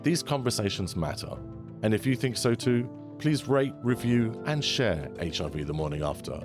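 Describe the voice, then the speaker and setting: A man's voice: mid-range voice, animated, normal speed, music in the background. A man hosting a podcast, delivering scripted introductions and interview questions. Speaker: podcast host, documentary producer.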